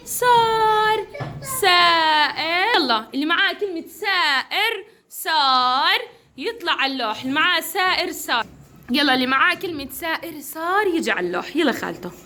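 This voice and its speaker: Bright high-voiced Levantine teacher woman. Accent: Levantine Arabic. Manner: encouraging, praises often, drawn-out sounding of syllables. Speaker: kindergarten teacher. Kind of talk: classroom phonics drill. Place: classroom.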